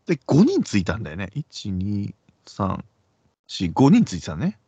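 A man with a Kansai accent tells a story in casual chat, his pitch swinging widely as he acts out each person in it. His voice sits low and a little husky. The sound is dry and dull, like a lo-fi recording. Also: measured pace, no echo. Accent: Kansai Japanese. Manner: animated, acts out quoted voices in pitch jumps and whispers.

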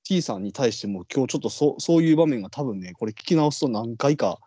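A man's voice: medium pitch, animated, fast talker, dark tone, husky, no room sound. A man with a Kansai accent, a podcast co-host chatting casually and rambling with many fillers. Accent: Kansai Japanese. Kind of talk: casual chat.

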